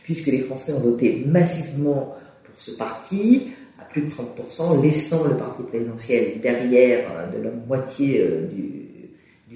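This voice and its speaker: A man's voice: medium pitch, dark tone. A man giving a political analysis in an interview, with many fillers and restarts. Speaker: political commentator. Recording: echoey, distant from mic.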